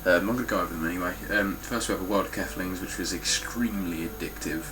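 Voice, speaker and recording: A man whose stuffy, nasal voice sits low runs quickly through a casual, blunt spoken review of his games. His intonation stays fairly even, he ums often and swears a bit, and background noise is audible.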